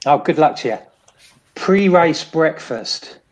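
A co-host with a medium-pitched voice in relaxed conversation. The questions come casually, with an offhand and slightly halting delivery. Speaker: podcast co-host. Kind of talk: casual chat, asking quick-fire questions.

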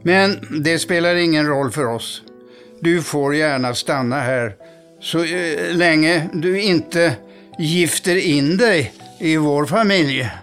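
A man reading aloud, voicing wild marsh ducks who are blunt, stiff and slow-spoken. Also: on the high side, fairly bright tone, faint music behind, close to an everyday voice.

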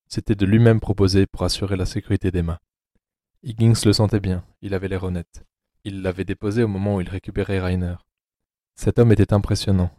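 A male narrator with a very low, dark and mellow voice reads an audiobook drama in a measured, sombre way. The sound is close and dry, with no room around it. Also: no echo.

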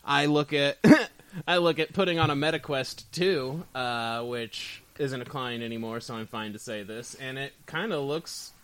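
A man's voice: medium pitch, a little slow, fairly bright tone, smooth. A man co-hosting a podcast, chatting casually with jokes and plenty of swearing. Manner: joking, profane, rambling. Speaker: podcast co-host. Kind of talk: casual comedic chat.

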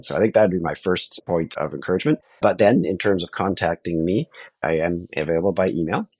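Guy being interviewed, raspy low voice, explains stuff in a measured way. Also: darkish tone, dry recording. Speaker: podcast guest, estate lawyer. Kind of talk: informal interview answers.

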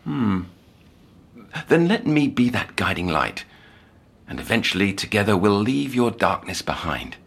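A man playing a calm, probing counsellor in an audio drama. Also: on the low side, a little slow, creaky, husky, exaggerated voice.

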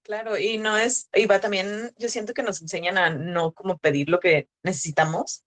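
A woman's voice: medium pitch, steady tone, moderate pace. A woman with a Mexican accent, a sex educator talking as a podcast guest, telling stories casually with lots of slang and fillers. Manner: chatty storytelling full of slang and fillers. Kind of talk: casual chat.

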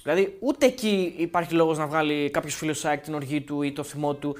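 Animated Greek-speaking man in football chat. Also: a little high, soft background music. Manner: animated, talks over his partner, insistent. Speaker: podcast co-host. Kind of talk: casual football betting chat.

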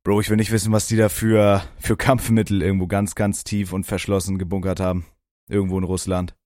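A man's voice: low voice, level tone, a little fast, darkish tone, dry recording, clean studio sound. A young man co-hosting a podcast, joking crudely and teasing his friend in casual chat. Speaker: podcast co-host.

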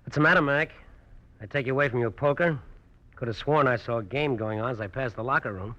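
A man's voice: medium pitch, quick pace, bright, forceful tone, dry recording, natural voice. An actor playing a defiant, loyal male convict in a radio drama, with flip, slangy, clipped talk. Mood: sardonic, flip. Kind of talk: old-time radio drama acting. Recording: dull old radio recording with music.

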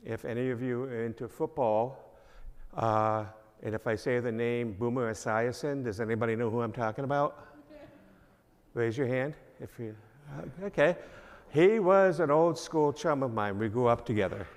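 At a normal speed and in a mid-range voice, an older guest minister from Long Island, New York, delivers an informal church address. His manner is rambling and self-deprecating with plenty of fillers, and the sanctuary gives the recording a long church-hall reverb.

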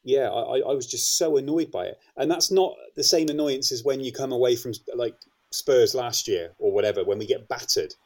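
A man on a football podcast panel, talking in an exasperated, halting way with many restarts. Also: medium pitch, a little mellow. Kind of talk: casual football podcast chat.

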